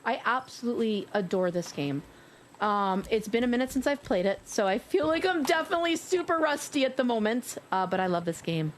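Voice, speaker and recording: A woman's voice: a little high, brisk. A woman live streaming a game, chatting casually and effusively with her viewers and swearing freely. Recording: steady noisy ambience behind voice.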